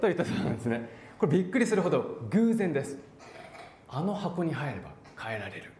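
A man preaching a sermon, animated, acting out voices and calling out for emphasis. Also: a little high, quick pace, a little hiss or hum. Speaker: pastor. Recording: echoey hall.

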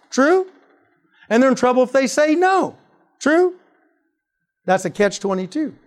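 A male preacher teaching on apologetics, reading scripture aloud and quizzing his listeners with rhetorical questions. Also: very high-pitched. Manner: animated, asks rhetorical questions.

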